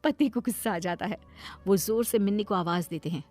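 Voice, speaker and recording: A woman's voice: mid-range voice, brisk, darkish tone, no room sound. A woman narrating a cartoon story in a plain, scripted way.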